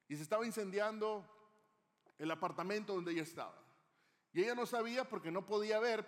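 A male preacher delivering a sermon in a church hall, telling stories dramatically and swinging from loud to hushed. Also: a little high. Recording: long hall reverb.

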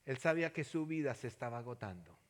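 A man preaching a sermon, telling a personal story and then appealing to listeners, going from soft near-whispers to loud passionate calls. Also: mid-range voice, lively intonation, fast talker. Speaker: pastor.

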